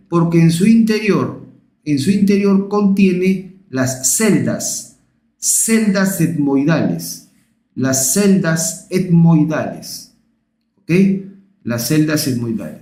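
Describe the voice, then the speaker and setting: A man's voice: fairly high pitch, dark tone, echoey room. A man giving a recorded anatomy lecture, repeating each term and checking in with his students. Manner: repetitive, checks in with listeners.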